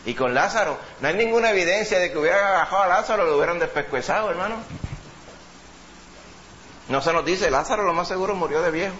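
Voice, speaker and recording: A man's voice: high-pitched, lively intonation, fast, sharp tone, lo-fi sound, a little hiss or hum. A man preaching a sermon in a church, emphatic, repeating words and calling listeners brother. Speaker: pastor.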